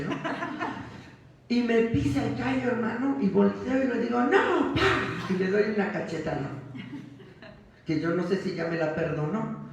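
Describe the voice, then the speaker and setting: A woman's voice: mid-range voice, slight background noise. Mexican woman pastor preaching in echoey church. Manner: humorous storytelling with laughter. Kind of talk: sermon. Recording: echoey church hall, mic from far off.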